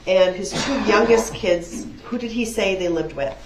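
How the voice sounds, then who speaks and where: A woman prosecutor questioning a witness in court in a measured, formal, procedural way. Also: medium pitch. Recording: echoey courtroom, distant, faint noise.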